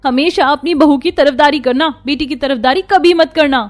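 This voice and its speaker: A woman's voice: high voice, moderate pace, natural voice. Woman voicing a spoiled snappy daughter. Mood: angry. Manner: whiny, snappy. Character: spoiled bratty young woman, sharp-tongued daughter.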